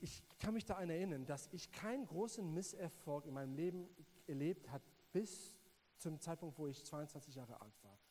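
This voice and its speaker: This sermon comes from a South African man speaking native English with his country's accent; he is earnest and halting, repeating words and addressing the listener directly. His pitch is medium and his tone a little mellow, with some slight background noise.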